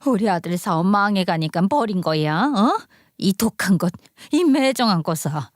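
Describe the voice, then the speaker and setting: A woman's voice: mid-range voice, animated, normal speed, no echo, studio quality, close to an everyday voice. A woman voicing a harsh older mother-in-law who scolds and accuses in a radio story. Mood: accusing.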